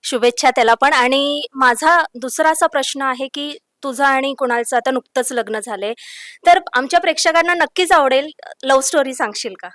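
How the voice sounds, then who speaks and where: A woman's voice: high voice, normal speed, fairly bright tone, dry recording, studio quality. A woman interviewer asking conversational questions and prompting with frequent hums.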